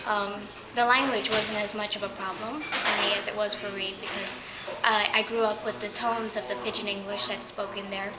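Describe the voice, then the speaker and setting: A woman's voice: mid-range voice, level tone. Thoughtful woman from New York. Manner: measured, thoughtful, frequent "um". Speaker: interviewee. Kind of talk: casual interview. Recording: echoey room, party noise with dishes.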